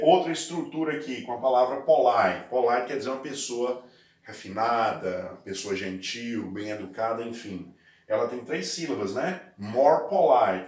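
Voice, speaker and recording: A man with a Brazilian Portuguese accent giving a recorded English lesson, explaining step by step and slowing down to spell out and stress words. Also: mid-range voice, reverberant, recorded from a distance. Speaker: English teacher.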